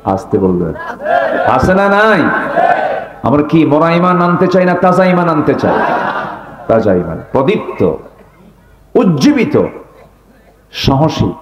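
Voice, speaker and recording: A man preaching a sermon to a gathering, asking the crowd questions and swinging between loud stresses and low asides. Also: big pitch swings, takes it slowly, long pauses, echoey room, a little hiss or hum, rough recording. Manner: rhetorical questions to the crowd, rising and falling emphasis. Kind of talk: Bengali waz sermon.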